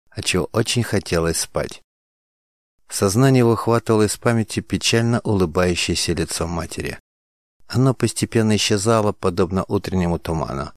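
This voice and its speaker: Deep-voiced male audiobook narrator. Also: no echo, clean studio sound.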